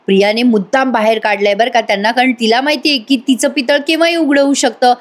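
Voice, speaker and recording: A woman's voice: on the high side, fast. A woman giving a chatty voice-over recap of a TV serial, speaking straight to her audience. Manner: chatty, addresses the audience directly. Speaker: TV serial reviewer.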